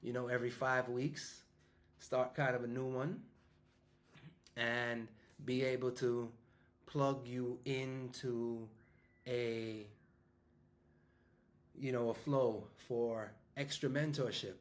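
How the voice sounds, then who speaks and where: A man's voice: mid-range voice, flat delivery, takes it slowly, pauses often. Rambling fifty-year-old New man. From New York. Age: 50s. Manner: rambling, conversational, frequent restarts and fillers. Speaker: business coach and school founder. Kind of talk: casual monologue to an audience.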